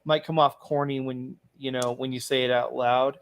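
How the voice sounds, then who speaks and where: A man's voice: medium pitch, little pitch movement, moderate pace. A man co-hosting a casual livestream, rambling and restarting as he talks, laughing often. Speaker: podcast co-host.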